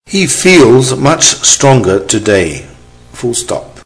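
A man reading a dictation exercise, saying each phrase three times in a measured, deliberate way and speaking the punctuation aloud. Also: mid-range voice, big pitch swings. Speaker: dictation reader. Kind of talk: slow repeated dictation with spoken punctuation.

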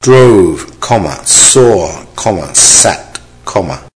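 A man reading a dictation exercise, saying each phrase three times in a measured, deliberate way and speaking the punctuation aloud. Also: sits low, lively intonation. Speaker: dictation reader. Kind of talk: slow repeated dictation with spoken punctuation.

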